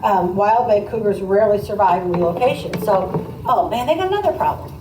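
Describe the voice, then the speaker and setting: A female teacher reads aloud to children, breaking off for conversational asides, explaining things and prompting them with questions. Her medium-pitched voice is animated and fairly quick. The mic is distant, so the sound is roomy with background noise from a noisy room.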